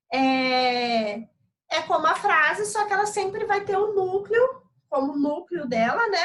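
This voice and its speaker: The recording is low quality, carrying a woman's high-pitched, fairly bright voice. A Brazilian teacher with a Brazilian Portuguese accent, she lectures in a recorded online class, going step by step and regularly asking tag questions to check in.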